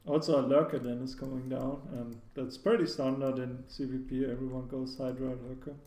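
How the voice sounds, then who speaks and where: A man's voice: mid-range voice, flat delivery, brisk, mellow. A man doing casual live commentary on a video game match, talking in a loose, hedging way full of "like" and restarts. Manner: hedging, filler-heavy analysis with frequent "like" and restarts. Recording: echoey room, faint background noise.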